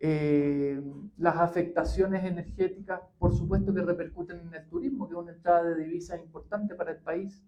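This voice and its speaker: A man's voice: sits high, steady tone, warm tone. Man lecturing, dull lo-fi sound. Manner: measured, many pauses and fillers. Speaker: history professor giving a talk. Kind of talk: public talk with questions.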